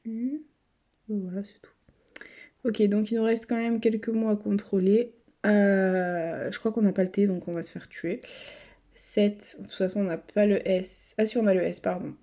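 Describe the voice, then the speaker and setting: A woman vlogger talks her viewers through what she is doing in a relaxed, chatty way. Her voice is deep-toned and mellow, at a middle pitch for a woman. She slips into quiet mutters and near-whispers at times, picked up by a camera set on a table. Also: normal speed. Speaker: YouTuber. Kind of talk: casual running commentary while scratching lottery tickets.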